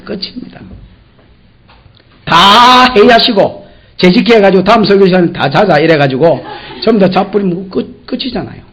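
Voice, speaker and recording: Husky Gyeongsang pastor, lively sermon. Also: male voice, high voice. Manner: folksy, joking, acts out dialogue. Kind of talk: expository sermon. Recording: dull lo-fi church recording.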